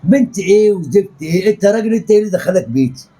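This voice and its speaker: An actor with an Egyptian accent playing a smooth-talking, hot-tempered con-man stepfather in a web drama. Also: fairly low pitch, animated, quick pace, soft background music, exaggerated voice. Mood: angry. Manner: coaxing then shouting.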